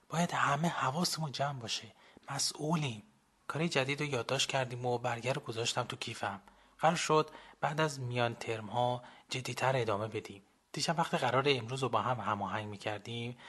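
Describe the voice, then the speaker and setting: A young man calmly reading a first-person story as a radio storyteller. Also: medium pitch. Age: young adult. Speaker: blogger and storyteller.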